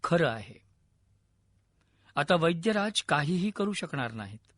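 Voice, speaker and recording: A frail old man near death, calm and wise, who speaks in slow, weary, gentle pleas, as a male narrator puts him on. His voice sits fairly high and unhurried, recorded close and dry with no room sound. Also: dry recording, heavily acted.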